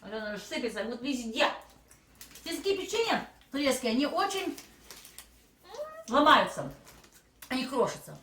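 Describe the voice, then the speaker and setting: A woman's voice: high-pitched, moderate pace, pauses often. A woman vlogging casually with her young child, tasting snacks and joking around. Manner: playful, jokey, animated. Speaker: vlogger, mother. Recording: echoey room, mic at a distance, faint noise.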